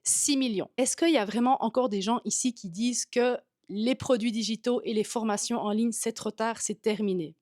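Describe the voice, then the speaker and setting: A woman with a Swiss French accent vlogs straight to the viewer in a high, bright-toned voice. She is a yoga teacher and content coach, and she talks in a direct, lively and informal way. The sound is dry and close, with almost no room echo. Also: moderate pace, hardly any pauses. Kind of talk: talking-to-camera vlog.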